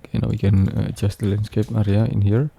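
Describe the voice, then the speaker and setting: A man with a lowish, very soft-edged and dark voice walks through a software tutorial one step at a time. His delivery is halting and repetitive, with frequent hesitations and a gravelly creak. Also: level tone, muffled recording. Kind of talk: unscripted step-by-step screen tutorial narration.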